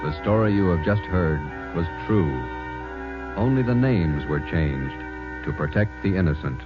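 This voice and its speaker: A man giving a solemn, measured closing announcement for a 1940s radio drama. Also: deep voice, lively intonation. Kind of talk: formal broadcast announcing. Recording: dull old radio broadcast over loud music.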